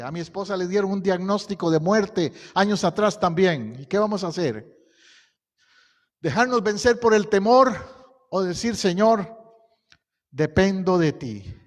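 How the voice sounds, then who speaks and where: A middle-aged male pastor preaching a storytelling sermon, building to emphatic bursts. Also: high-pitched. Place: church hall. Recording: long church hall reverb.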